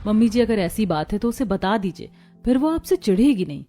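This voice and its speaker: A woman voicing a young daughter-in-law and a sulky daughter in a cartoon, gentle or sharp by turns. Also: mid-range voice, big pitch swings, brisk, soft background music.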